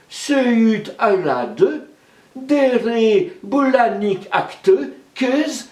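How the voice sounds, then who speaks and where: A frantic, rash mother carries on in a raised, excited voice, as a male storyteller puts her on. The pitch swings widely, and the room is echoey with the mic set back. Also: exaggerated voice. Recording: roomy echo, mic far off.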